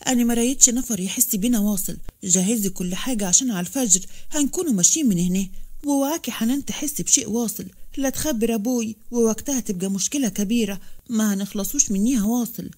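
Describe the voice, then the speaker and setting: A woman playing a young Upper Egyptian husband who defies his father and protests in a rapid rush of words. The voice stays mellow and soft-edged, like a storybook reading. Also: fairly high pitch, close to an everyday voice. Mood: protesting. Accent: Upper Egyptian Arabic. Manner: pleading, protesting.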